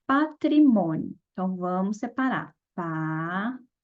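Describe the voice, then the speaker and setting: Woman teacher with a gravelly voice. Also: a little high, moderate pace. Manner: explanatory, checks in with listeners often. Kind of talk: exam-prep lesson. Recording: dull lo-fi audio.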